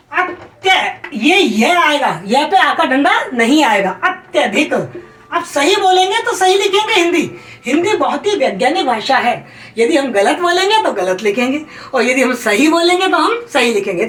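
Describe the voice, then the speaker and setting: A woman teaching grammar in an emphatic style, repeating each rule and checking whether the students have it clear. Her voice is high. She sounds set back from the mic in a roomy, echoing space. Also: fairly bright tone, recorded from a distance. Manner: calls students "beta". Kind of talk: exam-prep lesson.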